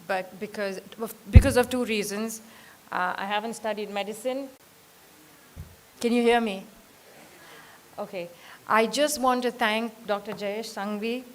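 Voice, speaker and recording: A woman with an Indian accent and a very sore throat gives an informal, hesitant thank-you speech. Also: medium pitch. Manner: hesitant, halting delivery with self-corrections. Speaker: guest speaker and singer. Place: auditorium at a convention. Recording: hissy, noisy live auditorium PA.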